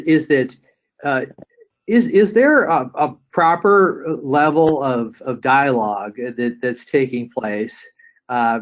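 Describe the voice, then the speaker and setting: Halting male webinar moderator. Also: mid-range voice, dull audio. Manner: halting, repeats words often.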